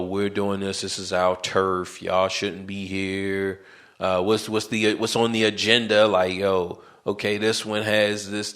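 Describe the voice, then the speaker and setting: A man from the United States hosts a podcast, speaking in a low-pitched voice with a fairly bright tone. His casual monologue rambles along, full of fillers, slang and restarts.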